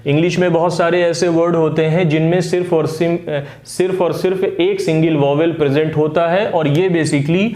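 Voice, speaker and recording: Guy teaching phonics, kinda high voice, lots of uh pauses, echoey room. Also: level tone, a little mellow. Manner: patient, with frequent "uh" fillers. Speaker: English phonics tutor. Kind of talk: explaining lesson.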